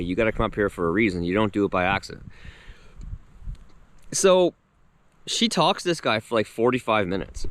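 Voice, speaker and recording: A man in his thirties vlogging outdoors on his rural property, telling a story and acting out what people said. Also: fairly low pitch. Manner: animated retelling, acting out quotes. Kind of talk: casual storytelling to camera.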